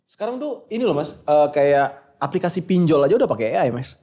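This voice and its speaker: A man's voice: on the high side, a little fast. A young man, a music producer, chatting casually in slang and acting out what people say. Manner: relaxed slangy talk, acts out quoted dialogue. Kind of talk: casual chat.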